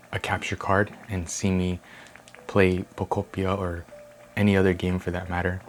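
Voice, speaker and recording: A young man chatting softly and casually for an ASMR video at home, rambling and thinking aloud. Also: low-pitched. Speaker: ASMR creator. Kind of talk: soft casual ASMR chat. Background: construction and room ambience.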